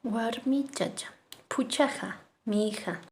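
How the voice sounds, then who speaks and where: A woman's voice: a little high, takes it slowly, slight background noise. A woman teaching a vocabulary lesson, patiently repeating each word and ending phrases with a questioning tag. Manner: patient, repeats words, adds "¿no?" tags. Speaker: Aymara language teacher.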